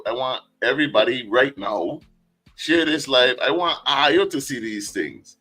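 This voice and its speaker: A man's voice: medium pitch, pushed and bright, poor audio. A man hosting a live stream interview, asking easygoing, slangy questions. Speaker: host. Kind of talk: casual interview chat. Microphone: live stream call.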